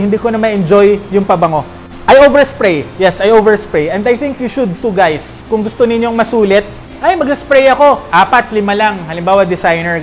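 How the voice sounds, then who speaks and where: A man's voice: high-pitched, slight background noise. A man from the Philippines hosting a casual perfume review vlog, chatty and jokey, constantly checking in with his viewers. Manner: chatty, peppers talk with tag questions; animated, jokey asides.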